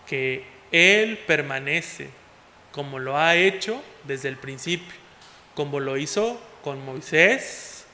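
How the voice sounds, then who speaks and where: High-voiced preacher in an echoing hall. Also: male voice, slight background noise. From Mexico. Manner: preaching, often calling out "hermanos", swinging between loud and soft. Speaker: pastor. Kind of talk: sermon. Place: church hall. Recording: long hall reverb.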